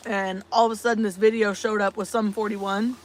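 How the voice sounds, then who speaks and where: A woman's voice: mid-range voice, little pitch movement, brisk, slight background noise. A woman co-hosting a casual live stream, chatty and laughing often as she tells long stories full of fillers. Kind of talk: casual chat.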